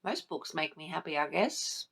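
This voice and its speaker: This book tag video features a channel host chatting casually, sweary and effusive about what she loves. Her low voice is creaky, a bit bright, and slightly rough, with lively intonation at a moderate pace.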